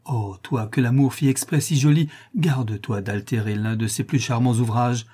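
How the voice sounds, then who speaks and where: Guy doing a young lover begging his girlfriend, soft dark voice, all flowery. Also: medium pitch, steady tone, moderate pace, slightly rough, close to an everyday voice. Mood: pleading. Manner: pleading, flowery. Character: young nobleman pleading with his mistress.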